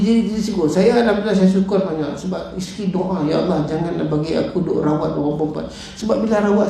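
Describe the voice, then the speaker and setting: A middle-aged man with a Malaysian Malay accent, preaching in a lively mosque talk that jumps up and down in pitch as he acts out his stories. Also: creaky. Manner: animated storytelling, acts out his wife and callers. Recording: echoey hall with faint noise.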